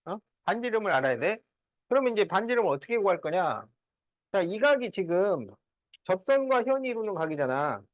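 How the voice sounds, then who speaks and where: In this classroom lesson, a man with a high-pitched voice teaches math, working through problems step by step and often checking that his students follow. The recording is dry and the audio sounds dull.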